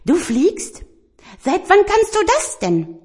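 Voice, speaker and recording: A woman voicing a small, timid toy tiger who asks anxious, squeaky questions. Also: wildly swooping pitch, slow, darkish tone, heavily acted. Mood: astonished.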